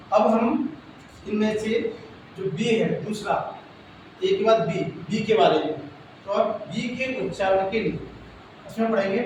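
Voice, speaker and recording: A man with a high voice teaches a classroom phonics lesson, slowly drilling letter sounds and asking his pupils questions. He speaks from some distance in a very echoey room, with steady noise underneath. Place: school classroom.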